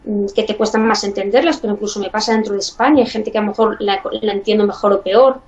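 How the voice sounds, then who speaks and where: A woman's voice: mid-range voice, steady tone, fast talker, a little mellow. A woman from Spain with a Spanish accent, a guest chatting in an interview and thinking aloud with "mm" and "pues". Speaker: guest, bilingual parent. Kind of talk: casual interview. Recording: distant, dull lo-fi mic.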